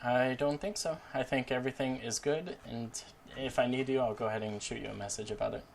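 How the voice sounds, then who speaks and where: Friendly game master, steady mid voice. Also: male voice, mid-range voice, fairly quick, gravelly, a little hiss or hum. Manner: explains plans step by step, friendly. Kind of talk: casual chat after a tabletop session.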